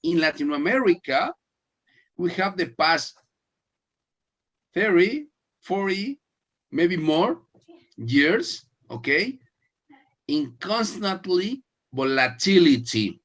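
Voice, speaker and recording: A man from Mexico, hosting an interview and talking in a halting way with many restarts. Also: sits high. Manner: halting, many restarts, lively laughing emphasis. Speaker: host. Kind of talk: casual video-call interview.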